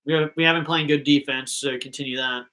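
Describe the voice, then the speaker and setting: A man's voice: a little high, steady tone, fast, sharp tone, poor audio. A young man hosting a live fan reaction stream, chatting casually and rambling between thoughts.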